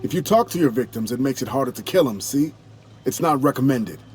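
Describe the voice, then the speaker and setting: An actor playing a breezy, smug contract killer in a video game, glib and condescending. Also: male voice, mid-range voice, lively intonation, brisk, a little mellow, breathy edge. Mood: irritated, condescending.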